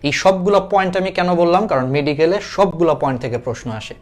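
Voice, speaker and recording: Young man, biology tutor, online lecture, chatty, repeats points as questions, slightly high voice. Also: racing.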